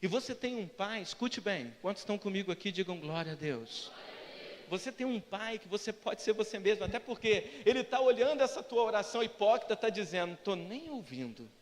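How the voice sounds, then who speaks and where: A Brazilian-accented male pastor preaches in a strikingly high voice, acting out prayers and little dialogues as he goes. He keeps turning to the congregation for answers. His voice rings out with the long reverb of a church hall. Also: brisk. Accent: Brazilian Portuguese. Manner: lively preacher who acts out prayers and dialogues; asks the congregation for responses. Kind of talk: sermon. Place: church sanctuary.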